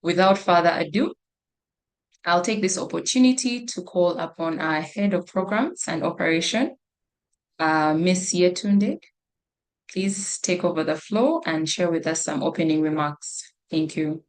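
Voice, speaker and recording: Give me a woman with a slightly low voice, formally and very politely introducing speakers on a conference call. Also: a little slow. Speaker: program associate introducing an online roundtable session. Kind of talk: online event introduction. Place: online video or conference call.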